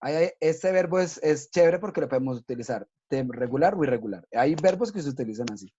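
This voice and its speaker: A man's voice: a little high, expressive, quick pace, dark tone, a little hiss or hum. A man teaching children English, patiently explaining step by step and often checking in with "¿listo?". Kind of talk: recorded online class for children. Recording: dull lo-fi recording.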